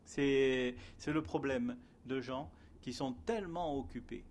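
A man's voice: mid-range voice, a little slow, a little mellow. A man giving a spoken testimony and sermon, telling his story in a hesitant way with many fillers, then earnestly exhorting his listeners.

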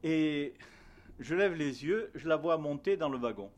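A man's voice: fairly high pitch, lively intonation, unhurried. A man giving a spoken testimony and sermon, telling his story in a hesitant way with many fillers, then earnestly exhorting his listeners.

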